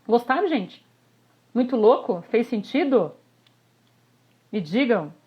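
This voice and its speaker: A woman, a communication coach giving a live online workshop, animated and constantly checking in with her listeners. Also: a little high, slow, slightly rough. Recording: slightly dull lo-fi audio.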